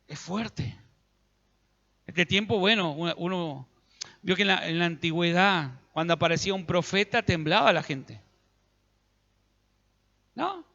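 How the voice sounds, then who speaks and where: A man's voice: high-pitched, gravelly, sharp tone, long reverb tail, highs cut off. A man with an Argentine Spanish accent, preaching a sermon as pastor and acting out biblical dialogue in everyday speech. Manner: preaching, acts out biblical dialogue in colloquial voices.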